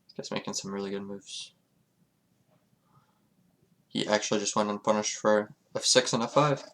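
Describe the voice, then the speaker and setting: A man's voice: lowish voice, steady tone, moderate pace, fairly bright tone. A man streaming a chess game, thinking aloud in a casual, hesitant, muttering way. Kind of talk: casual live commentary while playing.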